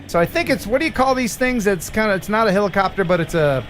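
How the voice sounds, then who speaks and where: A man's voice: sits high, expressive, quick pace, a bit bright, slight background noise. A man hosting a live stream in casual chat, with a joking, teasing manner.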